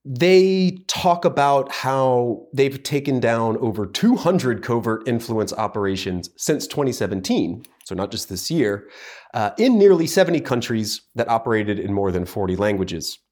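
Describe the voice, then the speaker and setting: A man's voice: mid-range voice, big pitch swings, moderate pace, a little mellow. A man co-hosting a podcast, talking through reports in a casual, analytical way, thoughtful and full of hedging fillers. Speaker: podcast co-host.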